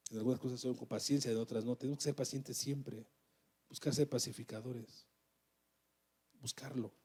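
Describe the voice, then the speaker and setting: A man's voice: medium pitch, steady tone, moderate pace, a little mellow, slightly rough. A man preaching a sermon to a church, exhorting and asking the congregation questions. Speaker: pastor.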